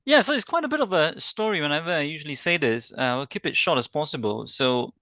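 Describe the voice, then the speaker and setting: A man's voice: a little high, animated, fast talker, sharp tone, dry recording. A man in his forties from Singapore, a company founder, chatting as a webinar guest and laughing through his stories. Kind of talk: casual interview chat.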